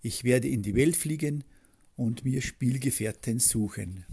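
A man doing the little boy Muck, eager and bright. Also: mid-range voice, measured pace, slightly rough.

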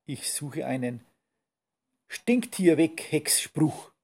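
Grouchy old witch, female, grumbling and scolding, played by a man, gravelly dark voice. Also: a little high, animated, slow pace, heavily acted.

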